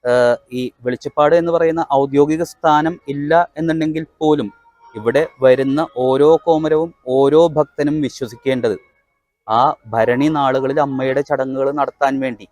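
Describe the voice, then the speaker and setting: A man's voice: mid-range voice, fairly even intonation, normal speed, darkish tone, dry recording. A man with a Kerala accent giving an emphatic, instructive explanation to devotees, repeating his key points. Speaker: presenter.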